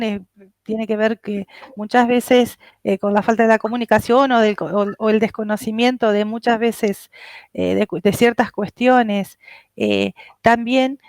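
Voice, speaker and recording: A woman's voice: fairly high pitch, measured pace, no echo. A woman with an Argentine Spanish accent interviewing a guest, thinking aloud and hesitating often. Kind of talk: interview conversation.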